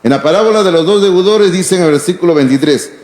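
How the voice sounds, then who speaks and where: A man preaching a sermon as pastor, emphatic, slowing down to stress key words and asking rhetorical questions. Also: high voice, a little mellow. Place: church hall. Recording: echoey hall.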